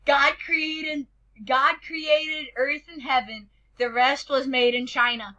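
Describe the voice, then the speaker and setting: High bright woman reading jokes. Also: fairly even intonation, slow pace, low-quality recording. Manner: reads jokes aloud, stumbling and restarting. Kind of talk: casual joke-reading challenge.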